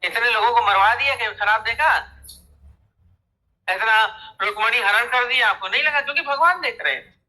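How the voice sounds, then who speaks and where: A woman's voice: a little high, normal speed, long pauses, pushed and bright. A woman giving a devotional discourse as a spiritual teacher, posing rhetorical questions and repeating her teaching points. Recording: tinny phone-like audio.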